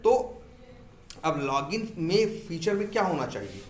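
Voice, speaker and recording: A man's voice: a little high, very animated, unhurried, slight background noise. A male instructor giving a classroom lecture, asking his students questions, answering them himself and repeating key terms. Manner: mixes English technical terms into Hindi. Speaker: software testing instructor. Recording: echoey room.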